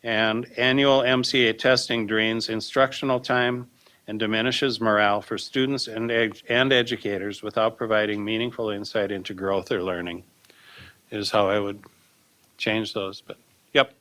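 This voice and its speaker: Bright-voiced man presenting at a meeting. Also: lowish voice, fairly even intonation, moderate pace. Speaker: school board member presenting a draft. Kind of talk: reading a document with informal comments.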